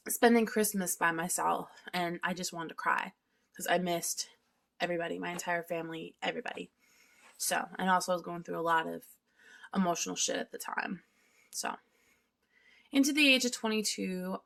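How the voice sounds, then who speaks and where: A thirty-year-old woman chats candidly to the camera at home, her voice bright and edged with vocal fry. She sits on the lower side of the usual pitch range for a woman. She curses casually and eats between sentences. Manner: chatty and candid, swears freely, frequent "like" fillers; eating while talking. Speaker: vlogger. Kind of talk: casual confessional vlog.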